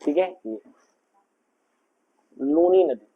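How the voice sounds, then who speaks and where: A man's voice: on the high side, lively intonation, very slow, husky, phone-quality sound. A man giving a classroom lecture, mixing in English terms and keeps asking if the students have understood. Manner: mixes English terms into explanations. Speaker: teacher.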